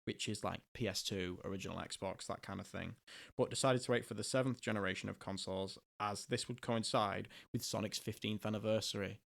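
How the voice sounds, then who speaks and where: A man's voice: fairly low pitch, vocal fry. A young man hosting a podcast, chatting casually, laughing often and rambling through asides. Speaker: podcast host.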